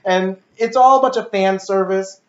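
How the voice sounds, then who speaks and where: At a medium pitch and normal speed, a woman delivers an emphatic, swearing, rambling movie review, casual and exasperated in her opinions. It's recorded with roomy echo and dull, lo-fi sound.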